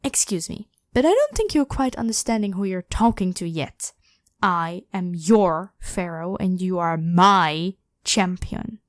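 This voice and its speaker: In an ASMR roleplay, a woman voices an evil ancient pharaoh, addressing the listener in an imperious, menacing, demanding and scornful way with haughty, commanding, theatrical delivery. Her voice is on the low side with lively intonation and a slightly slow pace, captured in a dry, studio-quality recording.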